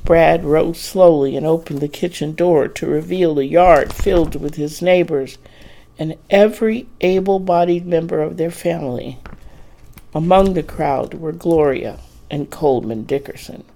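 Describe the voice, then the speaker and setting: Casting: male narrator for a romance audiobook, slow, gravelly, measured. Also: fairly high pitch, dark tone. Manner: measured, plain storytelling. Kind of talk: scripted narration of a romance story.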